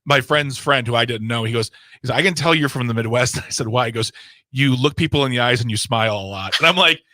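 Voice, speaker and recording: A man co-hosts a radio talk show and tells relaxed stories with dry jokes. His voice is mid-pitched and bright. The studio mic gives a close, dry sound. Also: fast talker, dry recording. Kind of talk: casual radio chat.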